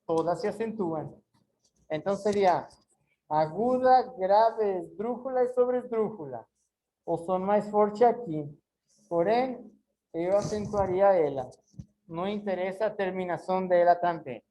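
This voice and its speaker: A woman's voice: mid-range voice, a little slow, dark tone, rough recording. A woman teaching an online class, explaining patiently and drawing out words syllable by syllable. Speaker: Spanish teacher.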